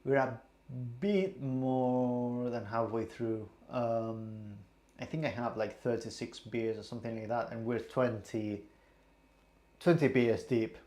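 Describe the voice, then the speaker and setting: A young man talks slowly and unhurriedly in a casual vlog, at an ordinary middle pitch. He sounds tipsy and a little queasy, stumbling and repeating himself as he rambles. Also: dark tone. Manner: rambling, halting, repeats words. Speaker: streamer. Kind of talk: casual vlog, taste testing.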